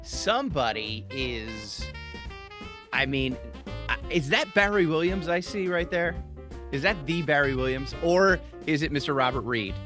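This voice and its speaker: A man co-hosting a casual podcast chat, animated and jokey, rambling with lots of restarts. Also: fairly high pitch, a little slow, over music. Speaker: podcast co-host.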